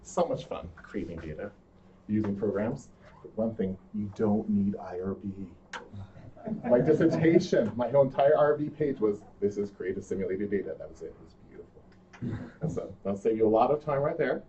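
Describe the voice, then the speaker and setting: A man's voice: fairly low pitch, expressive, normal speed, mellow, a little hiss or hum. A man presenting in a seminar, playfully quizzing his audience during an interactive lecture. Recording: distant muffled room recording.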